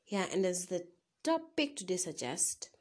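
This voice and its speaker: A young woman with a Kenyan accent talks in a slightly low, husky voice. She hosts solo in a chatty, informal way, addressing listeners directly and dropping in Swahili slang. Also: very animated, unhurried, darkish tone. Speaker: podcast host. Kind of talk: casual solo chat to listeners.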